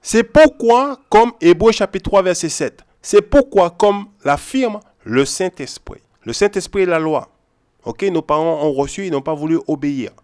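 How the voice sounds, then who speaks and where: A man's voice: high voice, lively intonation, moderate pace, darkish tone. A man giving informal Bible teaching, repeating his points with emphasis and often checking in with his listeners. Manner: repetitive, emphatic, keeps checking in with "ok?" and "hein?".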